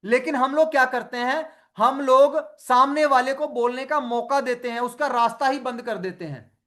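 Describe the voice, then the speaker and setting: A high-pitched man leads an online webinar with lots of energy. He keeps firing rhetorical questions at the group and calls on participants by name, with a video call sound to his voice. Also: moderate pace, sharp tone. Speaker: motivational coach leading a webinar. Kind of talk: lively Hindi webinar talk to online participants.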